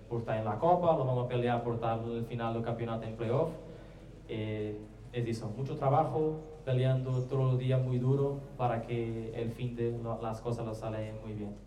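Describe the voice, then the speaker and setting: Flat-toned man mixing Spanish and Portuguese. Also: medium pitch. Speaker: newly signed athlete. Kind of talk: press conference answer. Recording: roomy, distant mic, faint noise.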